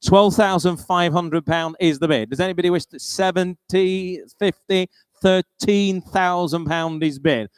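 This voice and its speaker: A British man runs a live auction as auctioneer, repeating bid figures in practised patter. His voice sits a little high for a man and is smooth and clear. The sound is close and dry, with no room echo. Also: unhurried.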